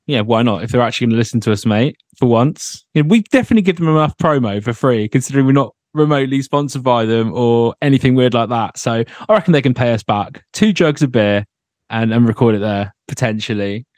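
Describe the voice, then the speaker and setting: A man's voice: mid-range voice, quick pace, darkish tone, no room sound. Man hosting, dry close sound. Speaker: podcast host. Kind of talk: casual chat.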